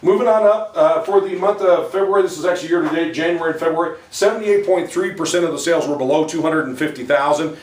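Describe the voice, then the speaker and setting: A company president gives a monthly real estate market update in a fairly high, fast voice with few pauses, recorded from a distance in an echoey room. Folksy and emphatic, he jokes between figures, walks through his slides, and speaks directly to buyers.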